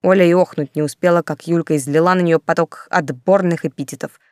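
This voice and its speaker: Audiobook narrator: a woman, lively wry storytelling, dry close sound. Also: lowish voice, a little fast, dry recording. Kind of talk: scripted narration.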